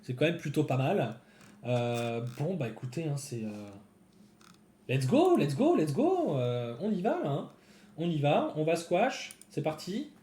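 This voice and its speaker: A man's voice: fairly high pitch, sing-song, unhurried, a little mellow, echoey room. A man giving casual live-coding commentary to his viewers, thinking aloud as he types. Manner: thinks aloud, chatty, talks to viewers while typing. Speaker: developer streaming a coding session.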